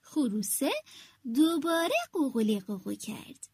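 Lady reading a kids' animal story, very high lively voice, dry close sound. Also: husky, no echo.

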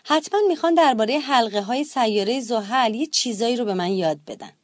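A woman's voice: on the high side, animated, no room sound, clean studio sound, natural voice. A woman reading a children's storybook, voicing a cheerful young schoolboy who thinks he's an astronaut, in an eager, earnest tone.

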